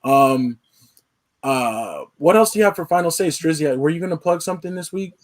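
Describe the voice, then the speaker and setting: A man hosting a casual sports podcast, laid-back and relaxed, with frequent fillers. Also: fairly high pitch, normal speed. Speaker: podcast host. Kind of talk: casual sign-off chat.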